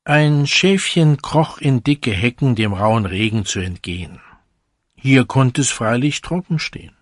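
A man recites fables and verse in a declamatory style. His delivery is slow and deliberate, and his voice swings widely in pitch. The sound is dry and close. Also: expressive, no echo. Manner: declamatory, dramatic.

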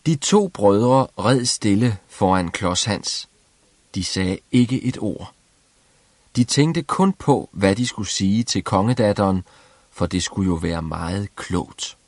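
A man reading a fairy tale aloud as storyteller, in a lively, expressive way. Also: fairly low pitch, dry recording.

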